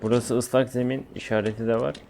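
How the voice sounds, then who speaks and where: A Turkish man is live-streaming a game in a medium-pitched voice. He talks informally and uses slang as he chats with viewers. The home recording has clear noise behind him. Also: flat delivery, brisk, dark tone. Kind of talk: casual live-stream gameplay chat.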